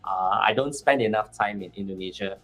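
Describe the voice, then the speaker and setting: With a lowish, slightly bright voice, a Malaysian-accented country manager joins a casual panel discussion as a guest, speaking fairly quickly and often restarting or repeating words. The audio is poor, with faint music in the background.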